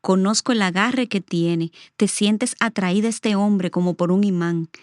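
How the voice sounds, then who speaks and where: A woman's voice: mid-range voice, a little slow, darkish tone, no echo, studio quality. A middle-aged woman, a guest on the show, telling a personal testimony in an earnest, reflective way. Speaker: interview guest.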